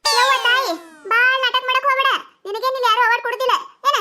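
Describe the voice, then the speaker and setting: A woman voicing a sharp-tongued, scolding village mother-in-law in a cartoon comedy, with a North Karnataka accent. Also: very high-pitched, steady tone, quick pace, exaggerated voice. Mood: sarcastic. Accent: North Karnataka Kannada. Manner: nagging, sarcastic, scolding.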